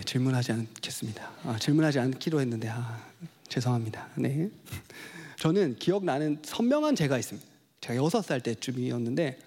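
A man preaching a sermon to his congregation, telling a childhood story in an animated way and acting out voices. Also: mid-range voice. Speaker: pastor.

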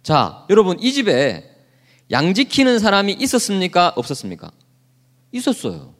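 A man's voice: sits high, wildly swooping pitch, moderate pace, fairly bright tone. A man preaching as a pastor, asking his congregation questions and leading them in reading aloud together. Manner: asks the congregation questions and leads group readings; acts out quoted lines. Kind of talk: sermon.

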